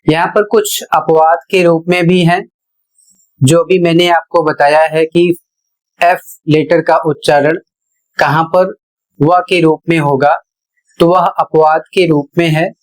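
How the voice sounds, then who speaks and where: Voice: medium pitch, fairly even intonation, measured pace, poor audio. A teacher giving a pronunciation lesson, spelling out words letter by letter and explaining each one carefully.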